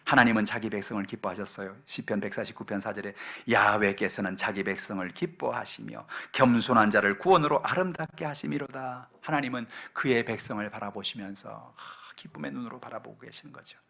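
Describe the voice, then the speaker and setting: A man preaching a sermon as a pastor. He moves between loud calls and near whispers, puts questions straight to the congregation, and acts out the voices in a Bible story. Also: fairly low pitch, fairly quick, creaky, hardly any pauses. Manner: addresses the congregation directly with questions.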